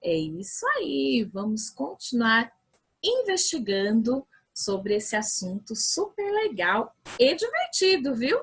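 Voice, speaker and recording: A woman's voice: sits high, big pitch swings, slow, fairly bright tone, poor audio. A woman teacher with a Brazilian Portuguese accent, giving a recorded video lesson to young children, patient and cheerful as she counts aloud. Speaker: primary school teacher.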